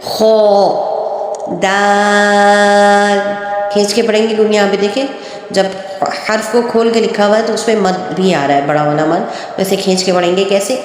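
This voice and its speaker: A woman teaching Quran reading, explaining patiently and repeating each letter in a drawn-out chant. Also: medium pitch, fairly even intonation, darkish tone. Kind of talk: step-by-step recitation lesson. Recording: very echoey room with long reverb.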